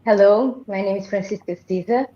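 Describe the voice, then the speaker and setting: A woman from Portugal, a documentary director who speaks in a measured, plain way. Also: medium pitch, warm tone, lo-fi sound.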